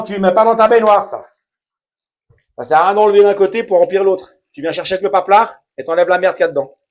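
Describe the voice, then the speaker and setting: A man chats through a hands-on bathroom repair in a bright, fairly high voice. He talks bluntly and casually, with plenty of slang, addressing the viewer like a friend. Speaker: DIY home repair vlogger. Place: home bathroom.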